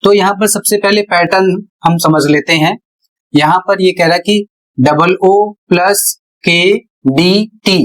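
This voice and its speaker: A male teacher explaining pronunciation rules at a board in a deliberate way, repeating each step. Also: high voice, fairly bright tone, rough recording. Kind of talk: slow classroom explanation at a board.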